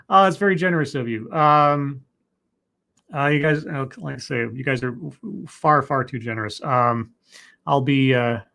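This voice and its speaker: A man's voice: on the high side, a bit bright. A young man hosting a livestream Q&A, chatting casually and rambling as he answers viewer comments with self-deprecating jokes. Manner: rambling and self-deprecating, with frequent restarts and laughs.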